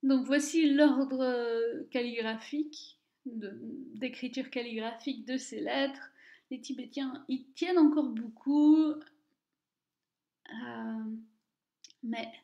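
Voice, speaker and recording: Patient female reading teacher, slightly high, very slow delivery, repeats words; roomy echo, muffled lo-fi recording. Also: fairly even intonation, dark tone. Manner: slow and careful, repeating each word twice. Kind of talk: slow, deliberate language lesson. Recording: echoey room, dull lo-fi sound.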